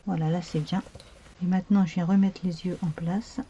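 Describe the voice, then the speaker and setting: A woman's voice: lowish voice, steady tone, normal speed, dark tone, husky, lo-fi sound. A woman talking her way through a card-making tutorial, chatty and thinking aloud with many fillers as she works. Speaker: craft tutorial host. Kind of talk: crafting tutorial narration.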